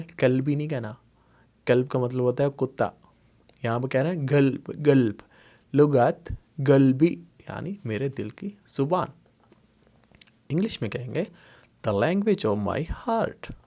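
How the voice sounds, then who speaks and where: A man teaching Arabic words, explaining patiently in a slow lesson style and repeating each word. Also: mid-range voice, darkish tone. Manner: repeats words slowly, many fillers and "theek hai".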